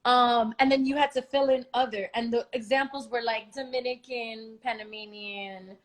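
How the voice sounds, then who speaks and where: A young woman from Miami, hosting a casual talk, speaking frankly and profanely with animated exasperation. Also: fairly high pitch, normal speed. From Miami, United States. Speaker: podcast host. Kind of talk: casual conversation.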